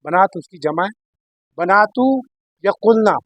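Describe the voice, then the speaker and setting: Man, high pitch, dry close sound; patient grammar teacher who repeats each form slowly. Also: a bit bright, dry recording. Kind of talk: Arabic grammar lesson.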